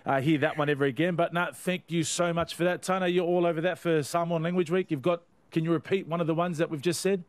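A man's voice: fairly high pitch, fairly even intonation, fast, few pauses, dry recording. A man hosting a sports show in an upbeat, casual radio chat style.

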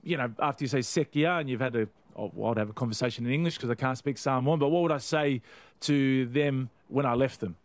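A man's voice: mid-range voice, quick pace. A man hosting a sports show in an upbeat, casual radio chat style.

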